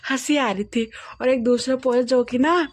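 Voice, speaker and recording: A young woman with an Uttarakhand Hindi accent talks casually to her viewers in a fairly high voice. She is chatty and playful and laughs easily as she goes through her wedding album page by page. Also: steady tone, takes it slowly. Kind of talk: casual chat to camera.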